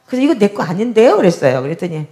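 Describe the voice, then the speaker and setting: A woman's voice: mid-range voice, big pitch swings, racing, mellow. A middle-aged woman pastor telling a story from her pulpit, acting out the other people's voices as she goes. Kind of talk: testimony during a prayer service.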